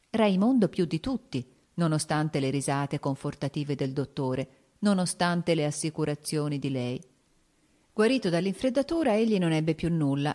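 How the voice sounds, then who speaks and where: A woman giving a measured, expressive audiobook narration of a classic novel. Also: low-pitched.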